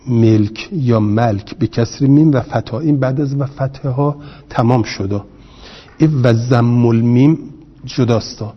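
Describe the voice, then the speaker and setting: A man lectures on grammar in a husky, breathy voice, drawing out words and saying them over and over for his class. The recording is dull and lo-fi. It rings with a long reverb. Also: mid-range voice. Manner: explains slowly, repeating words and spelling out vowels. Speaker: teacher.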